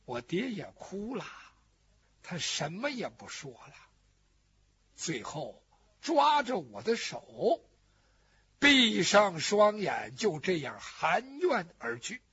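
A man voicing a grieving middle-aged mother who was abandoned by her husband, telling her story with a drawn-out lament. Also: sits high, huge pitch swings, fairly bright tone, exaggerated voice. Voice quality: very husky. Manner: lamenting, drawn-out sung-like phrasing. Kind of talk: storytelling performance in first person. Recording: dull lo-fi recording.

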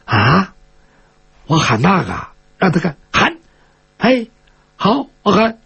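A man's voice: sits high, huge pitch swings, takes it slowly, vocal fry, a bit bright, slightly rough, full character voice. A man storyteller voicing a cowardly young bandit who stammers and pleads with a sword at his belly. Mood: flustered.

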